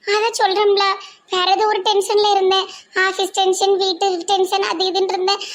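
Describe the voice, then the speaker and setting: Very high squeaky cartoon wife with a Tirunelveli accent, quick to anger and quick to regret, played by a woman. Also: little pitch movement. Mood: remorseful. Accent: Tirunelveli Tamil. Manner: squeaky, scolding and emphatic. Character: hot-tempered young village wife, generous and impulsive. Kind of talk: comic cartoon voice acting.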